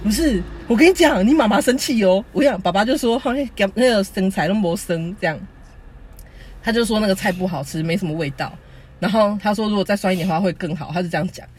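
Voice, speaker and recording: A podcast co-host with a Taiwanese Mandarin accent, telling stories in animated casual chat and laughing often. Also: mid-range voice, fast, slightly rough.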